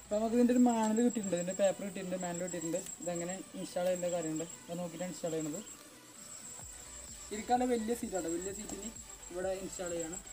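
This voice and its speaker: A young adult fitness vlogger films himself in an outdoor garden yard among banana trees, casually explaining step by step how he puts together a home workout bench. His high-pitched voice is steady in tone and races along, heard over music. The camera sits on a tripod at a distance, and the audio is poor.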